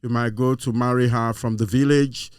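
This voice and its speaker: A man's voice: medium pitch, steady tone, moderate pace, clean tone, no echo, clean studio sound. A man in a casual discussion, speaking earnestly and reflectively with some fillers. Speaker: show guest.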